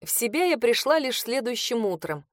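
A woman's voice: on the high side, big pitch swings, normal speed, no room sound. Woman narrating an audiobook, dry sound. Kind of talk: first-person fantasy audiobook narration. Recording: dry close studio sound.

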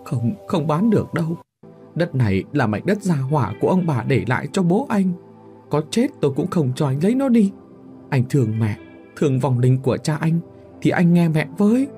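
A man's voice: medium pitch, sing-song, moderate pace, warm tone, soft background music, close to an everyday voice. A man voicing a frail, trembling old mother who pleads weakly with her son, in a storybook reading. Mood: desperate. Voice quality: thin trembling old woman's voice. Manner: pleading, quavering. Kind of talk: storybook narration with voiced characters.

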